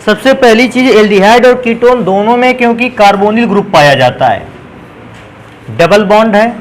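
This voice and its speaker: A man's voice: high-pitched, moderate pace, slight background noise, rough recording. A man teaching a chemistry lesson in a classroom style, asking questions and answering them himself and addressing students fondly as children.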